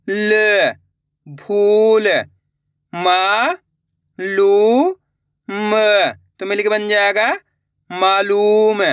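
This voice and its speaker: Recorded at studio quality with no room sound, this man's high voice is a bit bright, clear and resonant. He guides a reading lesson by breaking words into syllables and drawing out long vowels, speaking encouragingly to viewers as friends.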